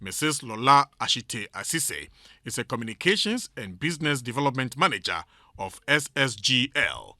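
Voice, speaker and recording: A man's voice: mid-range voice, big pitch swings, normal speed, sharp tone, no echo, studio quality. A man reading scripted documentary narration as the narrator. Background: music bed.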